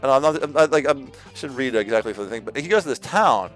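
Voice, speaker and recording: Male streamer, casual preaching, rambling, lots of "like", lively swings in pitch. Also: quick pace, soft background music. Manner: rambling, full of "like" and repeated restarts; slangy, addresses listeners as "man".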